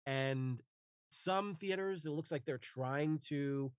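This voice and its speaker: A man in his forties in a casual podcast conversation, talking in halting phrases and restarting them with many fillers. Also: on the high side, clear, resonant tone, no room sound. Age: 40s. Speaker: guest author and narrator.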